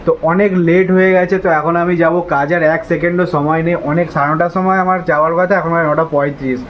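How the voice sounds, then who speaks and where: A young man from Bengal talks straight to his viewers in a casual daily vlog. His voice sits a little high. The phone recording carries a good deal of background noise. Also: fairly even intonation, fast. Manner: chatty, addresses viewers directly. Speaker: vlogger.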